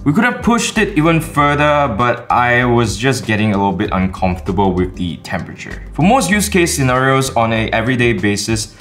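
Animated Malaysian man reviewing tech. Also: mid-range voice. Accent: Malaysian English. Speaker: tech reviewer, video host. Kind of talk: scripted review narration.

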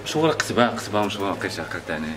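A young man with a Moroccan accent, talking in a lively, pleading, boasting way. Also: fairly low pitch, racing, roomy sound, recorded from a distance, background noise.

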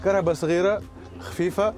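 Very fast-talking Tunisian man. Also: high voice, steady tone, a little mellow. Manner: agreeable, mixes in French words. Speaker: guest driver. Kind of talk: casual chat. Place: outdoors in desert, then inside a car. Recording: music playing under the voice.

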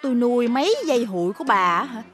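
An actress playing a sharp-tongued, middle-aged Southern Vietnamese woman who scolds her servant and dotes on her son, with a Southern Vietnamese accent. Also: lively intonation, rapid-fire, faint music behind, close to an everyday voice. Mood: gossiping. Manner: shrill scolding and nagging. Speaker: domineering mother and market boss.

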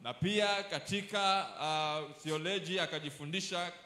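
A man's voice: on the high side, moderate pace, sharp tone, roomy sound. A man interpreting a church sermon, repeating each of the preacher's phrases right after him.

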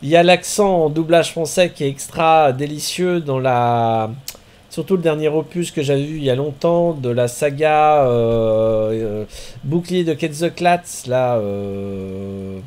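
A man streaming a marbles race game, commenting in a chatty way with bursts of excited exclamations. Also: on the high side, unhurried, clean tone.

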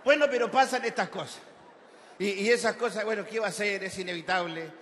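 A man's voice: high voice, fairly quick, fairly bright tone, slight background noise. A man with a Chilean accent telling crude, rambling jokes full of slang in a stand-up set on a big festival stage. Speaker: stand-up comedian. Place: large festival amphitheater stage. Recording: reverberant live venue with crowd ambience.

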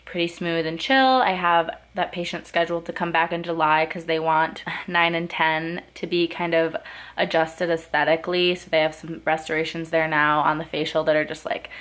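A woman's voice: low voice, a bit bright. A woman in her twenties, a dental student, chatting casually to a laptop camera in her bedroom at night, rambling through her day. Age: 20s. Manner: chatty and rambling, quick asides.

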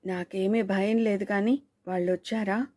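Fearless easygoing village lad for an audiobook, blunt and relaxed, read by a woman, warm dry tone. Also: medium pitch, moderate pace, no room sound, close to an everyday voice. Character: carefree sleepy young village man, fearless.

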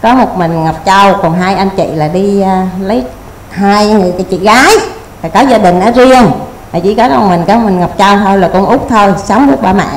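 Middle-aged mom rambling on a tv show, repeats herself, echoey room. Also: female voice, medium pitch, brisk, slight background noise. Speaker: contestant's mother. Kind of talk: explaining on a TV show.

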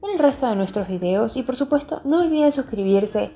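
A woman's voice: on the high side, expressive, brisk, mellow. A woman hosting a children's channel, narrating a craft tutorial in a friendly way, speaking straight to young viewers. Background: music behind the voice.

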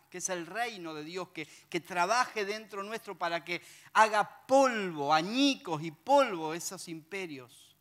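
Here a preacher with a Rioplatense Spanish accent and a high voice addresses his congregation. Forceful and bright, he alternates scripture readings with playful, animated asides.

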